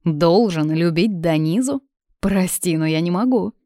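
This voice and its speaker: A woman's voice: on the low side, lively intonation, measured pace, dark tone, no room sound, clean studio sound. A woman reading the part of a restrained young man who speaks through clenched teeth, in an audiobook. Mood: refusing.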